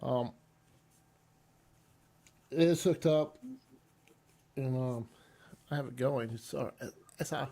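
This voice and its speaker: Casual male streamer, gravelly and husky, rambling and easygoing. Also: medium pitch, takes it slowly, long pauses, dark tone. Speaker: streamer hosting a chat. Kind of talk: casual chat.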